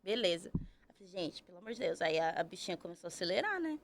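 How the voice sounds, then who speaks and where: A woman's voice: on the low side, big pitch swings, fast, slight background noise. A woman, telling her story as a podcast guest, chatty and full of tag questions. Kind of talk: casual storytelling.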